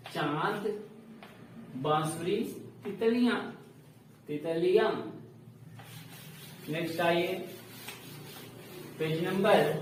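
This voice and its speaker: A man's voice: fairly high pitch, recorded from a distance. A man teaching young children a Hindi phonics lesson, repeating each word patiently and asking questions that he answers himself. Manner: asks the class questions, then answers them himself. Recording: echoey room, voice set back from the mic, faint background noise.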